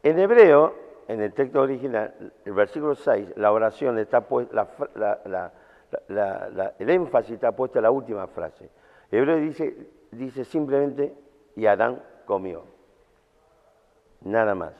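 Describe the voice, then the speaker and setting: Rioplatense preacher, slangy, tinny hall. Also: male voice, medium pitch, animated, moderate pace. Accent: Rioplatense Spanish. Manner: colloquial, storytelling, slangy. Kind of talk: sermon at a camp. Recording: tinny sound in a reverberant hall.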